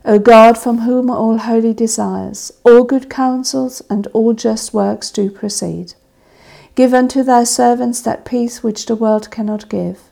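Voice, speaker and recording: A woman leading a church service, reading scripture and prayers in a measured, solemn intoning manner. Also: fairly high pitch, steady tone, creaky, mellow. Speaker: service officiant. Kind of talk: liturgical reading of evening prayer.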